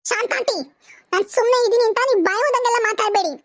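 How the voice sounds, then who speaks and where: A woman's voice: very high voice, steady tone, fast, a bit bright, no room sound, studio quality. A woman voicing a proud, boastful young woman in a cartoon. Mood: scornful. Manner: boastful, scornful. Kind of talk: cartoon voice acting.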